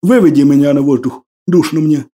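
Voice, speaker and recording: A man's voice: fairly high pitch, fairly quick, warm tone, natural voice. A man voicing an old pious hermit who speaks in fervent, old-fashioned church language, bewildered by a strange new world.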